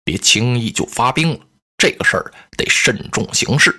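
A storyteller voicing a cautious, mild-tempered aging male ruler who speaks deliberately. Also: medium pitch, animated, bright, forceful tone, husky, pitched below the performer's own voice. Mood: wary. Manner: deliberate, measured. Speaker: provincial lord. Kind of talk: traditional storytelling.

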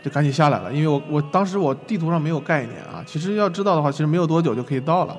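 A young man from China telling a lively, self-mocking travel story to an online class. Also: on the high side, very fast, long reverb tail, soft background music. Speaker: lecturer.

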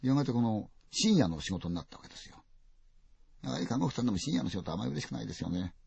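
A man telling a ghost story dramatically, full of vivid sound words and swinging from loud to hushed. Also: on the low side, expressive, rapid-fire, vocal fry, slightly rough, no echo. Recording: dull, dry lo-fi recording.

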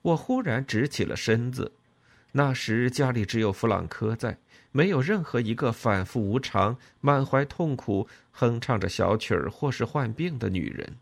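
Gravelly, expressive male audiobook narrator. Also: mid-range voice, normal speed. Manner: expressive, emotional storytelling.

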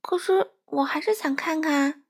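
A woman voicing a patient, gentle young male duck in a children's storybook, speaking earnestly and coaxingly. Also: high-pitched, measured pace, pitched above the performer's own voice.

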